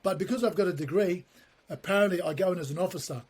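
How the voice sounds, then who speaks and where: A man, a podcast guest telling stories in a lively, animated way and acting out the dialogue. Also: high voice, fast, husky. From born in Turkey, raised in Australia. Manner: animated storyteller who acts out dialogue. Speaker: guest, comedy writer. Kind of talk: casual podcast conversation.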